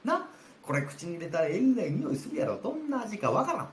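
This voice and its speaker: A man's voice: sits high, very animated, fast talker, slight background noise, pitched above the performer's own voice. Man doing a sly scheming Kansai master. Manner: sly, conspiratorial. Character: scheming older male master of the house. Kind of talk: rakugo storytelling. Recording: roomy with faint ambience.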